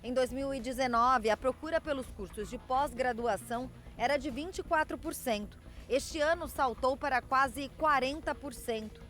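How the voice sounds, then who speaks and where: A woman reads a scripted television news report in a measured, even delivery. Her voice sits high. A faint music bed plays beneath her.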